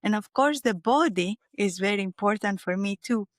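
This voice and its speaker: A woman with a Greek accent, a spiritual teacher speaking as an interview guest in a gentle, searching way with frequent restarts. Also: mid-range voice, normal speed, no echo, clean studio sound. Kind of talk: reflective interview talk.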